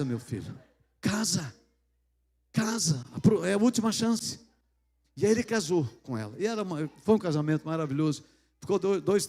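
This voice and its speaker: A man's voice: on the high side, warm tone. A middle-aged Brazilian man preaching a storytelling sermon, acting out dialogues with God and making joking asides. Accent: Brazilian Portuguese. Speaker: pastor. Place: large church hall. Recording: long hall reverb.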